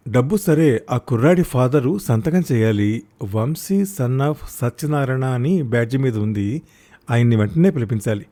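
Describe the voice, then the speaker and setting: A man voicing a hospital doctor in a measured, plain delivery. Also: mid-range voice, animated, warm tone, close to an everyday voice. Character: calm hospital doctor, grown man, matter-of-fact.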